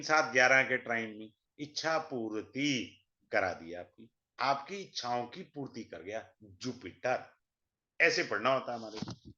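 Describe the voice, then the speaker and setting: Man, astrology teacher, bright edgy tone, muffled lo-fi sound. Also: medium pitch. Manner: chatty, mixes Hindi and English, blunt asides. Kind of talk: informal online class lecture. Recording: dull lo-fi sound.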